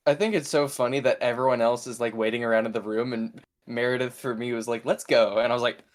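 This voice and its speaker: A man playing a tabletop game, joking and voicing his own character in a lively way. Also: medium pitch, fast. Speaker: player. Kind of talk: casual chat, playing a character.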